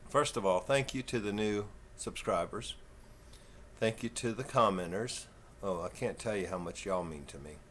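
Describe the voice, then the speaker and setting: A man in his fifties with a Texan southern twang, talking slow and folksy in a rambling, casual vlog. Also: on the low side, a little hiss or hum. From Texas. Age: 50s. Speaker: vlogger.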